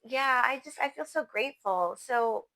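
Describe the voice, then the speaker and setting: Young adult woman, vlogger, bright lightly high voice, casual enthusiastic storytelling, heavy on fillers. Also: expressive, normal speed, poor audio. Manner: enthusiastic, gushing, many fillers like "like" and "you know".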